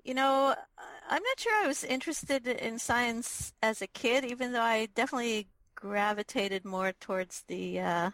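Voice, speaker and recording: A woman's voice: a little high, moderate pace, hardly any pauses, fairly bright tone, no room sound, poor audio. Israeli-born woman professor, thoughtful and dry. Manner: thoughtful, lots of ums and restarts. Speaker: guest, neurobiology professor. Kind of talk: interview answers.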